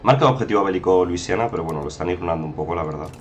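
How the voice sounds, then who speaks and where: Deep-voiced Spanish man narrating gameplay. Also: rapid-fire, slight background noise. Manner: chatty, exclaims often, addresses viewers as "chicos". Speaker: gameplay commentator. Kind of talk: casual strategy game commentary.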